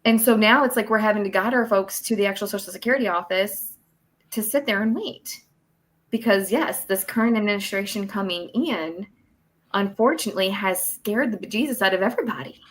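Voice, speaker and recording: A woman's voice: mid-range voice, brisk. A woman, a guest on a talk show, explaining benefit rules at length in a casual, chatty way. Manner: explanatory, talks at length with fillers. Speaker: work incentives coordinator guest. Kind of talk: casual chat on a podcast.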